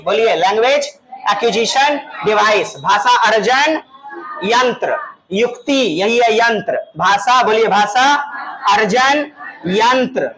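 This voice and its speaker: Man, middle-aged, online exam-prep teacher, very high voice, slow unhurried delivery, repeats terms to drill students. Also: a bit bright, rough recording.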